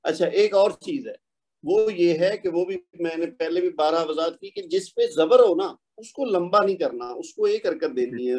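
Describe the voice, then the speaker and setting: A man's voice: on the high side, lively intonation, a little mellow. A man whose first language is Urdu, teaching Quran recitation rules in an online lesson, patiently correcting and repeating points. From Pakistan or India.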